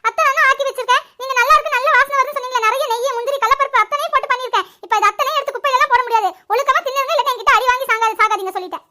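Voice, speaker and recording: A fast-talking, scolding cartoon mother, played by a woman, with a very high, bright, piercing voice. She rattles off complaints in a sharp, hot-tempered way. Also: full character voice. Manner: scolding, rapid, shrill. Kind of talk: cartoon voice acting.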